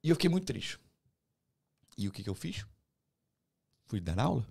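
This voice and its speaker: Creaky-voiced Brazilian man telling his story. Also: mid-range voice, moderate pace. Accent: Brazilian Portuguese. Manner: animated, acts out quoted dialogue. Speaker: guest, teacher. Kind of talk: personal testimony storytelling.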